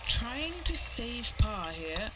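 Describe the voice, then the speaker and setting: A man's voice: very high voice, sing-song, takes it slowly, very noisy, full character voice. A man playing an on-course golf commentator in a sports video game, giving short updates on a player. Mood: attentive. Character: male on-course golf reporter following a rival.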